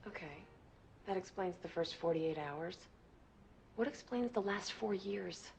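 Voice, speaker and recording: A woman's voice: fairly low pitch, a little slow, gravelly, darkish tone, slight background noise. An actress playing a hurt woman confronting a former lover, pressing hard and often slipping into a whisper. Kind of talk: TV crime drama acting.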